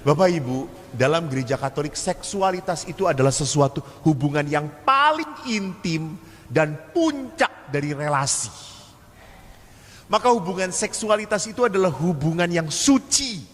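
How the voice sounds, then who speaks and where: Javanese priest preaching in an echoey hall. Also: male voice, fairly high pitch, expressive, normal speed. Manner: storytelling with acted family dialogue, humorous asides. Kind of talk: sermon-style seminar talk. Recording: echoey hall, faint ambient noise.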